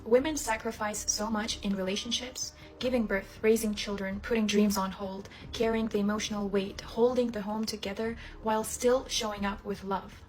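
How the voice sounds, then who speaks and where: Brief: woman, earnest and emphatic, lists points. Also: medium pitch. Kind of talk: earnest speech to camera.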